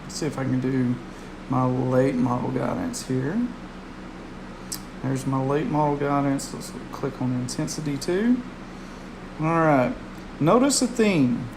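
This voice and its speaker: A man's voice: mid-range voice, measured pace, pauses often, background noise. A man giving casual live weather commentary as a streamer, repeating phrases for emphasis.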